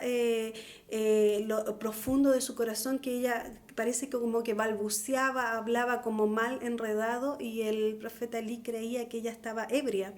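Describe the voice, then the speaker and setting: A woman's voice: fairly high pitch, a little mellow. A middle-aged woman giving an earnest, pleading testimonial sermon. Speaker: preacher.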